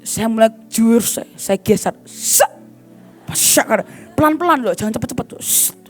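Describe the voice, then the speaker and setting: A woman evangelist preaching a storytelling sermon, animated and acting out the people in her stories while addressing the congregation. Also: fairly high pitch, a little fast, faint music behind. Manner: animated, acts out quoted voices, addresses the congregation as "saudara".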